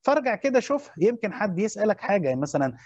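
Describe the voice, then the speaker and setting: Fast-talking Egyptian man teaching a lesson. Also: sits high, very animated, a little mellow, no room sound, highs cut off. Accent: Egyptian Arabic. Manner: repeats key phrases and checks understanding with questions. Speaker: teacher explaining a Quran commentary. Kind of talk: classroom lesson.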